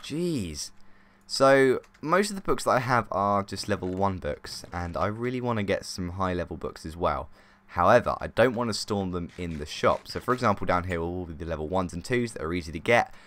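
A man's voice: sits low, lively intonation, moderate pace, fairly bright tone. A man hosting a let's play, giving chatty, easily sidetracked commentary as he plays. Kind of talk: casual gameplay commentary.

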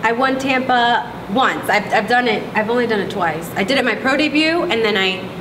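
A woman in her thirties, a bodybuilding competitor, talking excitedly and laughing often in a casual interview in a gym. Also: fairly high pitch, normal speed, background noise. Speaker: pro bikini competitor, interview guest. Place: large indoor gym, in front of a logo wall. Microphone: far camera mic. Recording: echoey room, picked up from a distance, with clear ambience.

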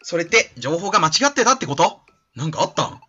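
A man doing a tiny electric game creature with a high, squeaky, fussy voice that keeps scolding. The pitch jumps high and lively, and the sound is a little dull and lo-fi. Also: quick pace, slightly rough, soft background music, heavily acted. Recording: slightly dull lo-fi recording.

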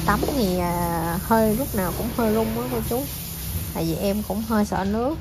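A woman's voice: medium pitch, very noisy. A young woman, chatting casually to her viewers about her pets and cooing to her dogs. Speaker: pet vlogger.

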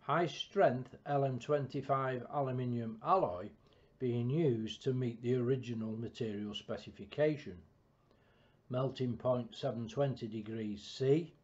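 A man giving a scripted, measured technical narration of an engineering build, with a dull lo-fi recording. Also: medium pitch, a little mellow. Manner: measured, precise technical delivery. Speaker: project narrator.

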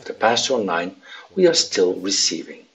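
Slow deep-voiced man, dull lo-fi sound. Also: big pitch swings, a crowd in the background.

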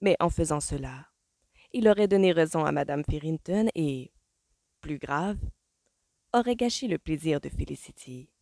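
A woman reading a novel aloud as an audiobook, with measured storytelling. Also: low-pitched, lively intonation, warm tone, no room sound, studio quality. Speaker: audiobook reader. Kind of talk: novel narration.

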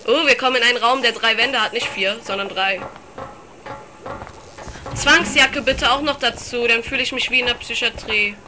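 A woman's voice: on the high side, normal speed, background noise. A woman giving casual, chatty gameplay commentary, reading game text aloud, giggling and swearing playfully. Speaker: let's play commentator.

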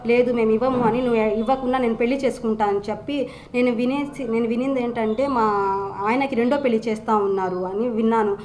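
A woman's voice: on the high side, steady tone, fast, a little mellow, a little hiss or hum. A young woman with a Nellore Telugu accent, speaking urgently and with a grievance at a press meet, often breaking off and repeating herself. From Andhra Pradesh, India. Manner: urgent, aggrieved, many restarts and repeats. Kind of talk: emotional press statement.

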